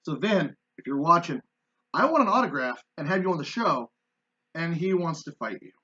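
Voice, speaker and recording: A man's voice: a little high, lively intonation, normal speed, bright, forceful tone, muffled recording. A man co-hosting a podcast, joking around and interrupting in casual chat. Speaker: podcast co-host.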